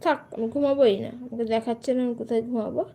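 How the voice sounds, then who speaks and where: High-voiced woman teasing a toddler. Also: steady tone, racing, mellow, slight background noise. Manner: teasing, coaxing, mock-whiny. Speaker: live streamer playing with a small child. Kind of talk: playful teasing chat with a toddler.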